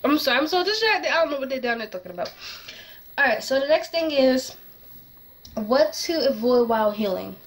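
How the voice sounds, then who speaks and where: A woman's voice: sits high, big pitch swings, a little fast. A young woman chatting casually to camera in a rambling, distracted way, correcting herself, with slightly slurred, lisping speech from a tongue piercing. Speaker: vlogger. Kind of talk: casual advice chat to camera.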